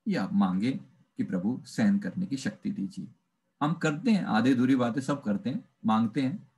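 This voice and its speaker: A man's voice: mid-range voice, normal speed, vocal fry. A man, a life coach, giving a spiritual motivational talk and acting out little dialogues as he goes. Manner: animated, acts out dialogue, mixes in English phrases.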